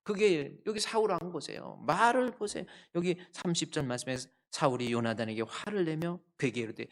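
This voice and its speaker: A male pastor delivering a Sunday sermon, emphatic and full of rhetorical questions, jumping between loud outbursts and quiet asides. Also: a little high, lively intonation, a little fast. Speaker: senior pastor.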